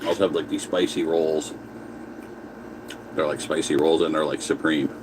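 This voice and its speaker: A man's voice: extremely low pitch, fairly even intonation, normal speed, noisy background. A man chatting casually on a livestream while eating, answering viewer comments and talking with his mouth full. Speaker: livestream host.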